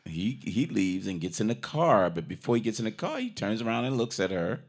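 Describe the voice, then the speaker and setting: A man casually retelling a film's plot as a review co-host, acting out the characters' lines and swearing freely. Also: brisk. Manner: animated, acts out characters' lines with big pitch jumps.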